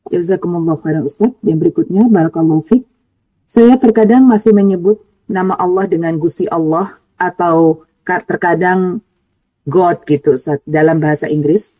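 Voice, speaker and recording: A man politely reads listeners' questions aloud, framing them with formal courtesies. His voice is mellow and a touch high. The recording is dry and muffled. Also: normal speed, no room sound. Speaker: moderator reading out questions.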